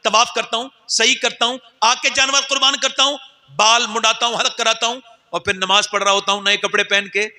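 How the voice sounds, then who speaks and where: A man's voice: extremely high pitch, steady tone, brisk, sharp tone, long reverb tail, exaggerated voice. A man voicing a young drunkard son who confesses how he wronged his mother. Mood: recounting.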